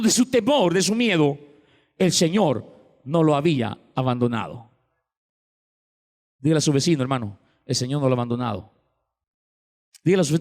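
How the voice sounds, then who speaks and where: A male pastor with a Salvadoran Spanish accent, preaching an impassioned sermon and calling out to the congregation with repeated refrains. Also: a little high. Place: large church sanctuary. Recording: long reverb of a church hall.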